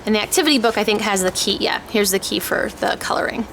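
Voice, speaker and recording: Talking fast in a medium-pitched, slightly bright voice, a woman who homeschools gives an informal overview of language kits, hesitating as though thinking aloud. The recording is low quality, with clear background noise.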